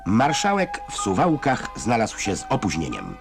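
Low-voiced, wry old newsreel narrator, male. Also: huge pitch swings, moderate pace, vocal fry. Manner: wry, ironic delivery of scripted commentary. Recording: music bed behind narration. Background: music.

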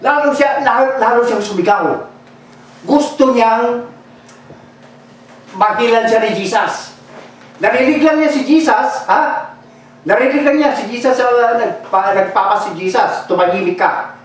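High-voiced preacher in an echoey church. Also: male voice, unhurried, long pauses, recorded from a distance. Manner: fervent, calls for amens from the congregation. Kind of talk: bilingual sermon. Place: church hall.

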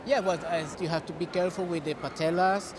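A middle-aged Costa Rican dog breeder, a native Spanish speaker with a Costa Rican accent, gives conversational interview replies a little fast. His voice is high-pitched and steady in tone. The busy indoor dog show hall adds echoing din and bustle to the background.

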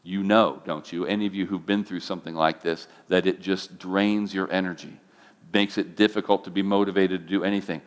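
A man's voice: deep voice, little pitch movement, brisk. A middle-aged man, a pastor, telling a personal testimony in a sermon, his voice climbing when he gets emotional. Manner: emotional storytelling, voice rising when moved.

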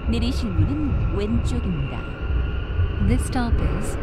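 A woman's pre-recorded subway announcement over the train speaker, slow, polite and carefully enunciated, naming stops and door sides. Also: big pitch swings. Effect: pre-recorded subway train announcement over the onboard speaker. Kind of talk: scripted station announcement. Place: inside a moving subway train. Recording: loud train rumble behind.

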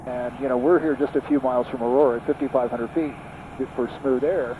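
A man's voice: mid-range voice, steady tone, brisk, narrow, tinny audio, noisy background. A middle-aged man, an aviation magazine reviewer, talking casually and thoughtfully in a small plane's cockpit through a headset mic, often restarting his sentences. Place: small aircraft cockpit in flight. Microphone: headset boom mic. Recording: loud engine drone behind.

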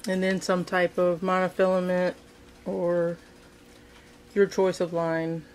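Flat-voiced woman showing a fishing craft. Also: lowish voice, takes it slowly. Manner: relaxed, thinking aloud with frequent ums and restarts. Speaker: fishing craft video host. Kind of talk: casual how-to demonstration. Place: indoors at a wooden table.

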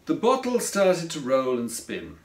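A man who wrote the story reads it aloud slowly and expressively as children's storybook narration. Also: a little high. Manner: slow, expressive read-aloud. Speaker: author reading his own story. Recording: roomy echo from a distance.

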